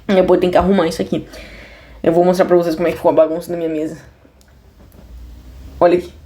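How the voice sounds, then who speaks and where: A woman with a Brazilian Portuguese accent works through a math lesson from her desk. She talks straight to her viewers in slang, jokes and breaks off into restless asides. Her voice is mellow and warm. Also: lowish voice, little pitch movement, fast. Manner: restless, many restarts and asides. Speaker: math teacher. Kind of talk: casual video math lesson. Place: at a desk indoors.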